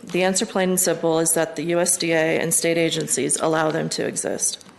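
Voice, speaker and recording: A woman's voice: deep voice, steady tone, fairly quick, gravelly, slight background noise, low-quality recording. An American woman reading a composed, formal prepared statement at a city council meeting. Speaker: public commenter.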